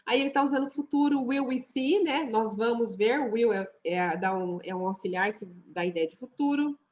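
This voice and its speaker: A woman's voice: fairly high pitch, a little mellow, highs cut off. Brazilian woman teaching English online. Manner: explains patiently, repeats words slowly for pronunciation. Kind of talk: online class explaining song lyrics. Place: online video class.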